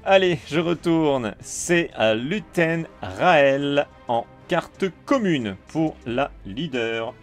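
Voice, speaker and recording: A man with a French accent chatting casually while opening trading cards, calling out each card and getting excited. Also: on the high side, very slow, soft background music. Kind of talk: casual card-unboxing commentary.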